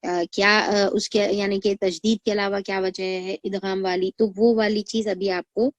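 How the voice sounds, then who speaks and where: A woman teaching recitation to beginners, patiently repeating words slowly for learners to copy. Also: medium pitch, little pitch movement, no echo. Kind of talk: recitation lesson.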